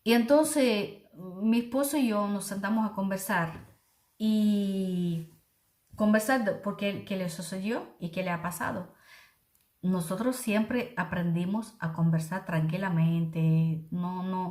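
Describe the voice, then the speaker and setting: A middle-aged woman, a missionary preacher, shares a heartfelt personal testimony with her congregation, earnestly addressing them as brothers and sisters. Her voice is fairly low, unhurried and darkish, with a reverberant sound.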